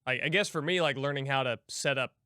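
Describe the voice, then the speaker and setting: Man, bright crisp voice, casual thoughtful podcast chat. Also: medium pitch, fast, no echo, clean studio sound.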